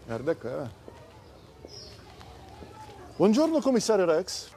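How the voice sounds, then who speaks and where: A man's voice: high voice, wildly swooping pitch, slow pace, very noisy, full character voice. A man playing a crude, lazy middle-aged police inspector in a comedy sketch, bossy and vulgar in a dry drawl. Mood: deadpan bossy.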